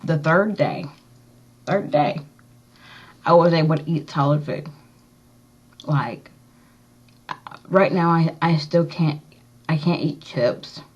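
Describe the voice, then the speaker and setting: Low-voiced woman with a slightly swollen tongue. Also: takes it slowly, long pauses, husky. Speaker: vlogger. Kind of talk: casual chat to camera, piercing update. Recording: dull, lo-fi recording.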